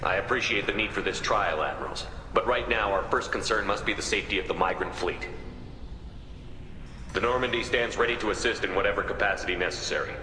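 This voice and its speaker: A man playing a steady, resolute human spaceship commander in a game cutscene, formal, measured and firm. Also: on the low side, slight background noise. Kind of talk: video game cutscene acting. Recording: echoey hall, music underneath.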